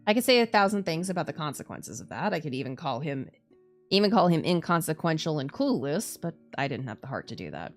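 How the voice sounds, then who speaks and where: A woman's voice: sits low, big pitch swings, fairly quick, soft background music. A woman voicing a weary, anguished male doctor in a visual novel, tender and self-blaming, with a subdued, heavy-hearted delivery. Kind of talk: visual novel dialogue reading.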